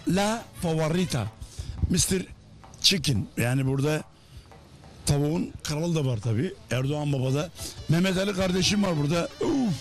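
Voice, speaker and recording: High-voiced man presenting a promotional show. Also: animated, normal speed, soft background music. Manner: emphatic, repeats phrases for effect. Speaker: host of a restaurant promotion show. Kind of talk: enthusiastic promotional presenting with casual chat. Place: inside a restaurant.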